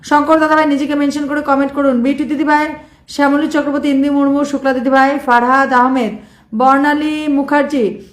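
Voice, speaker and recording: A hoarse woman live streaming, reeling off viewer names with quick thanks in casual chat. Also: high-pitched, flat delivery, reverberant. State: hoarse from shouting.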